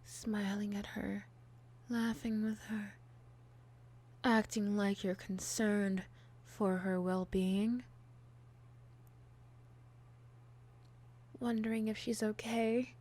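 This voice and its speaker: A woman voicing a possessive, obsessive young monster girl in love, an unhinged, clingy villainess, in an ASMR role-play with breathy hushed stretches. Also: medium pitch, little pitch movement, slow pace. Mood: possessive, menacing.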